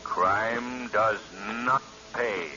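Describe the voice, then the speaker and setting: An actor playing a sinister, mocking invisible avenger in a vintage radio drama, drawing out the words with menace. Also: male voice, on the low side. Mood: menacing, mocking. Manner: slow, drawn-out, with sinister laughter. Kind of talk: 1930s radio drama acting. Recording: muffled old radio recording, loud music.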